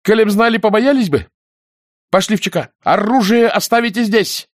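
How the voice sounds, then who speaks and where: A woman's voice: a bass voice, very animated, measured pace, mellow, slightly rough, no echo, studio quality, exaggerated voice. A male narrator voicing a fierce young female security officer who speaks sharply and gives commands. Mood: commanding.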